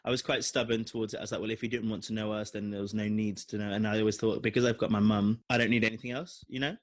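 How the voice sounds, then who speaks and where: A man's voice: on the low side, rapid-fire. A young man from London with a London accent, telling a long personal story on a podcast with lots of fillers. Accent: London English. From London, England. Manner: rambling, animated storytelling with frequent fillers. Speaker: podcast co-host. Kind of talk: casual storytelling chat.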